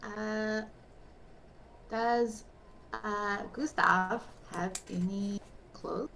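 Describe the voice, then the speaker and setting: Woman playing a creaky, naive cat-person adventurer. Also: medium pitch, fairly even intonation, fairly bright tone, full character voice. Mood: halting, innocent. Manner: simple, halting, refers to self by name. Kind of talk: tabletop role-play character acting. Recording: faint background noise, room ambience.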